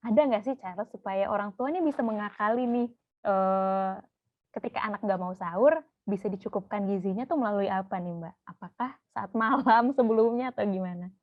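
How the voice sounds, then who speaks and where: A woman's voice: mid-range voice, a little fast. Indonesian woman host, slightly dull sound. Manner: friendly questions, laughs often. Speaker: podcast host. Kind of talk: casual podcast interview.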